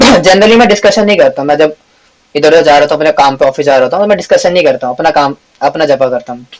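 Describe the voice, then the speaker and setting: A man's voice: fairly high pitch, fast talker, poor audio. Chatty young man teaching scripture. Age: young adult. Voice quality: frequent throat clearing. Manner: chatty storytelling, mixes in English words; sing-song chanting of mantras. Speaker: Gita class teacher. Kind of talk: devotional scripture class.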